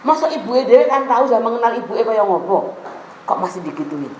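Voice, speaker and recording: A woman's voice: on the high side, a little fast, slight background noise. Javanese-accented woman pastor preaching. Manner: lively, mixing in local Javanese phrases. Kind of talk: sermon. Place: church hall. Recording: echoey room with faint ambience.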